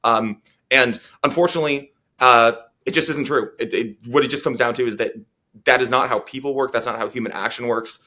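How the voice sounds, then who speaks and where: A man's voice: mid-range voice, steady tone, brisk, sharp tone. A man as a policy analyst guest in a political interview, talking earnestly with many fillers and restarts.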